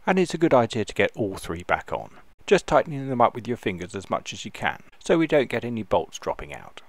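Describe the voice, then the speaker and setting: A man narrating a calm, careful step-by-step repair tutorial as a voice-over, explaining each step in a measured way. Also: fairly low pitch, no echo. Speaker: DIY repair video host.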